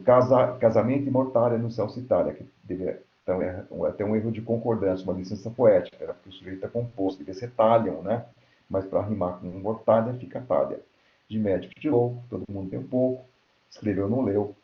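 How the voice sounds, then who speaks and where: A Brazilian man giving an academic lecture, explaining step by step and often checking in with "right?". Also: mid-range voice. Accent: Brazilian Portuguese. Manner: explanatory, frequent checking tags like "né?" and "certo?". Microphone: computer mic on an online lecture platform. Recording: roomy, dull lo-fi online call audio.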